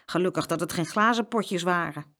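A woman's voice: on the low side, moderate pace, a bit bright. Woman reading a polite shopkeeper man. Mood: restrained. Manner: friendly but holding back annoyance. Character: grown male shopkeeper, politely restrained.

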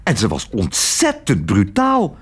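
A man's voice: medium pitch, huge pitch swings, moderate pace, voice pushed up. A man voicing a timid, complaining older aunt who stammers and whines. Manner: stammering, whiny.

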